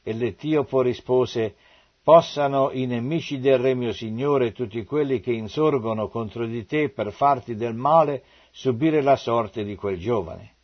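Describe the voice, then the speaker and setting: A man giving a slow, measured, solemn reading of scripture, dramatizing the dialogue. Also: mid-range voice. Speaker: Bible reader. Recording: dull lo-fi audio.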